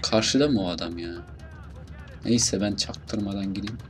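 A young man with a Turkish accent casually commentating his gameplay, muttering, swearing at enemies and bursting out loudly now and then. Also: fairly low pitch, moderate pace, slight background noise. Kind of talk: casual let's play commentary.

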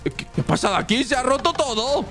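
Very high-voiced excitable man. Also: over music. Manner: exclamatory, rapid and playful. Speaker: gaming YouTuber. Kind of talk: excited gameplay commentary.

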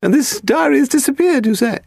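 A man reading an audiobook voicing a frail, sharp-tongued aristocratic woman in her eighties with a high, imperious voice. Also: expressive, fairly quick, gravelly, dry recording, studio quality. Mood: grand. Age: 80s.

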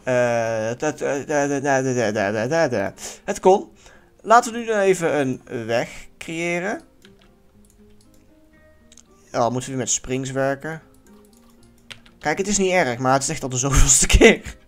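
A man giving casual let's-play commentary in a lively way, swearing now and then and yelling at near misses. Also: mid-range voice, a little slow, clear, resonant tone, faint music behind. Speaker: gaming YouTuber.

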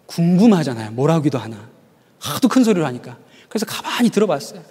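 A man preaching in a high, animated voice that rises and falls freely. He tells stories and keeps asking his listeners questions. A long reverb trails his words. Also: quick pace, breathy edge. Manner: storytelling, asks the audience rhetorical questions. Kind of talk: sermon.

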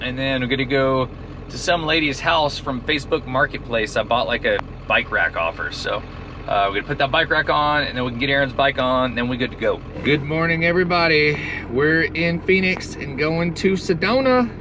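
A man casually narrating his road trip to viewers in a relaxed, chatty way, talking into a handheld camera. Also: medium pitch, moderate pace. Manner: laid-back, chatty, talks to viewers as "guys". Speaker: travel vlogger. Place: outdoors and in vehicles on a road trip. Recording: outdoor recording with traffic noise.

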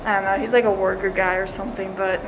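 A woman's voice: mid-range voice, flat delivery, fast, noisy background. A young woman filming a casual day-in-the-life vlog, rambling with lots of fillers and small laughs. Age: young adult. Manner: rambling, many fillers like "like" and "yeah", giggly. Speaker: vlogger. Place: dorm room, then a small campus gym. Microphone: phone or camera set up nearby.

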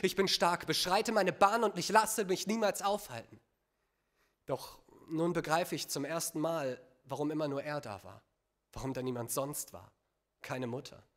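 A man on stage performing a spoken-word slam poem, dramatic, swinging between hushed lines and loud bursts. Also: a little high, moderate pace.

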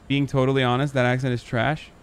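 A man chats casually while streaming a video game, teasing and joking with a playful, exaggerated edge. His voice sits at an ordinary middle pitch. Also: flat delivery, quick pace, clear, resonant tone. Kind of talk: casual gameplay commentary.

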